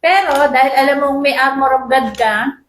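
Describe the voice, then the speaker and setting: Speaking at a normal speed in a high-pitched voice, a woman preaches to her congregation, frequently seeking their agreement and weaving in Bible quotes in English. The recording, made in a church hall, has a roomy echo.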